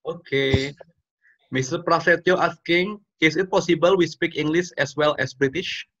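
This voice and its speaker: A man hosting a webinar who reads out the audience's questions in a relaxed way. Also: fairly high pitch, a little slow, highs cut off. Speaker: webinar host. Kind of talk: moderating a webinar Q&A.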